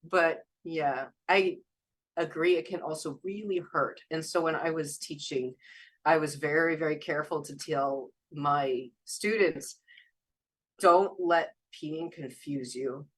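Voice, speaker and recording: A woman with a low, slightly rough voice speaks unhurriedly as a guest in a casual interview, and the audio is poor. She's a translator and former Chinese teacher whose first language is English, and she rambles chattily, laughing often.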